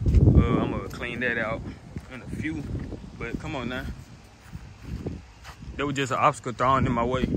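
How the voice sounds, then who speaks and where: A 19-year-old car vlogger talks casually to a phone held at arm's length while standing outdoors in a driveway beside a car. His medium-pitched speech rambles, repeats itself and restarts often, and background noise fills the outdoor phone audio.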